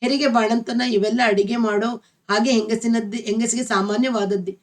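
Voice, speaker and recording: A woman's voice: fairly high pitch, steady tone, moderate pace, close to an everyday voice. A woman reading the part of an old woman, a stern traditional mother who speaks bluntly. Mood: scolding. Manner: scolding, blunt.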